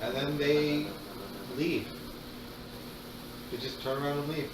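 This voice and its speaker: A man narrating a tabletop game as game master in an informal, halting way. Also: on the high side, flat delivery. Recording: echoey room, far mic, noisy background.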